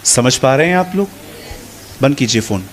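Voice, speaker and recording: A man's voice: medium pitch, lively intonation, normal speed, slight background noise. A man preaching a sermon to a congregation in a conversational way, repeating phrases and acting out little dialogues. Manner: conversational Hindi preaching with repetition and quoted dialogue.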